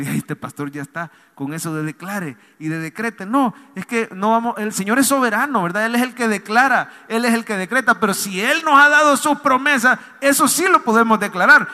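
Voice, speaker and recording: A man's voice: high voice, pushed and bright. A man, a pastor preaching a sermon with call-and-response, pleading and emphatic, in a church hall. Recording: long hall reverb.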